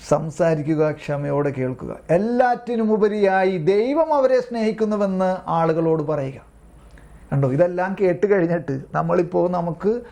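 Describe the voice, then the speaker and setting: A man teaches his online prayer group. His voice is gravelly and sits a touch high, with a mellow, darker colour. He reads passages aloud, explains them in a plain, repetitive way, and keeps checking whether his listeners have understood, all heard over a video call. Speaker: lay preacher leading an online prayer group. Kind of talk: informal religious teaching, reading aloud and explaining.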